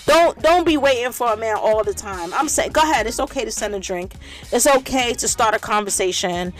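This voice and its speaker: A woman's voice: a little high, expressive, a little fast, faint music behind. A woman hosting her own podcast, ranting bluntly in a casual monologue, full of profanity and repeating her points for emphasis. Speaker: podcast host.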